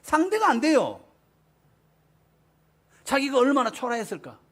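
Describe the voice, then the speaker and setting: A man's voice: very high-pitched, huge pitch swings, measured pace, a bit bright. A man, preaching a sermon as pastor, emphatic and often asking the congregation questions. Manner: emphatic, asks the congregation questions, acts out quotes.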